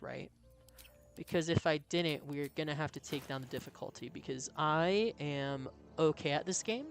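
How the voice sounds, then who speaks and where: A game streamer chatting casually and reading out viewer comments in an easygoing way. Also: medium pitch.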